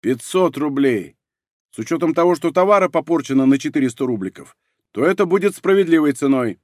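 A man voicing a stout, nervous businessman who speaks slowly and grudgingly, in an audiobook. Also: a little high, expressive, no echo, studio quality, lightly acted. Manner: slow, grudging.

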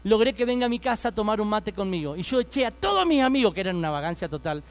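A man's voice: high-pitched, very animated, fast talker. A man in his thirties with an Argentine accent, telling his life story as a fervent preaching testimony and speaking straight to his listeners. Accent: Argentine Spanish.

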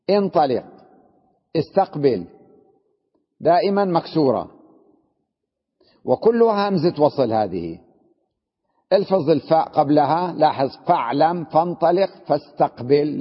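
A man with a fairly high, husky voice teaches a grammar class. He explains step by step and keeps asking his students questions. The recording is dull and lo-fi, with a long hall reverb. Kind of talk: classroom lesson.

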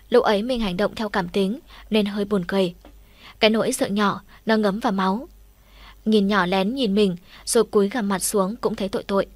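A woman reading a first-person audiobook story in a lively, chatty storytelling manner. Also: mid-range voice, no room sound. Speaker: audiobook reader.

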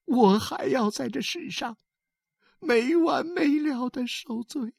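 A woman's voice: high voice, animated, takes it slowly, gravelly, a little mellow, husky, no room sound, clean studio sound, exaggerated voice. A woman playing a weeping ashamed young wife. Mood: tearful confession. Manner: weeping, pleading. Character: tearful young wife forced to confess, ashamed. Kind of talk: audiobook dialogue performance.

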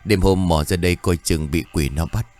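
A man voicing a crazed old village woman with a slow, eerie, drawn-out delivery. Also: low-pitched, fairly even intonation, darkish tone, close to an everyday voice. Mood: eerie warning.

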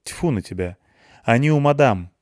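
A mocking young woman gamer, worn out and quick with insults, as a male audiobook reader puts her on. Her voice sits noticeably higher than the reader's own. The recording is dry and close. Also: lively intonation, dry recording, close to an everyday voice. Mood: teasing, grumpy. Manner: sharp-tongued, teasing.

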